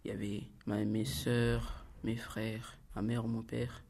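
Teen boy born in england, flat voice, keeps restarting. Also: fairly low pitch, creaky, husky. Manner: halting, restarting. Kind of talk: spoken testimony.

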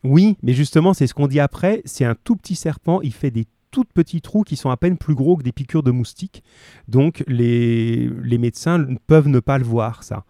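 Male teacher reading to a class; warm, dry, lively, asks questions. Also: medium pitch, normal speed, no room sound. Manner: lively, asks questions and stresses key words. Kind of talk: reading a story aloud to a class, then explaining it.

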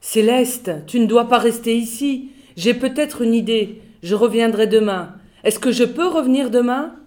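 A woman reading the lines of a gentle, timid young boy in her own voice. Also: a little high, normal speed, natural voice. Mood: earnest.

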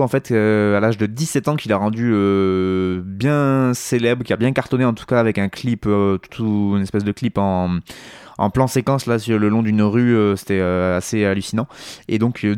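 A man's voice: lowish voice, steady tone, normal speed, darkish tone, clear, resonant tone, no room sound, clean studio sound. A man hosting a radio music show, talking casually with many hesitations and restarts.

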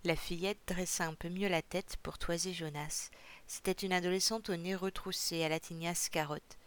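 A narrator reading a novel chapter aloud for a podcast in a measured, even storytelling manner. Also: medium pitch, smooth. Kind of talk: audiobook reading.

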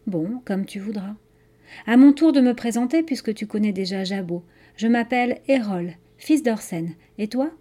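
A woman's voice: medium pitch, expressive, moderate pace, warm tone, lightly acted. Errol, a friendly chatty boy, read by a woman.

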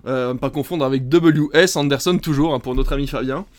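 A man's voice: mid-range voice, brisk, a little mellow. A man hosting a casual film podcast, reading a long list of titles with many hesitant fillers. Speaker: podcast host.

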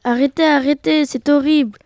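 A woman's voice: high-pitched, takes it slowly, vocal fry, a little mellow, no room sound, studio quality, exaggerated voice. A woman voicing a naive, cheerful female potato in an amateur web radio story reading. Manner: simple, unbothered replies.

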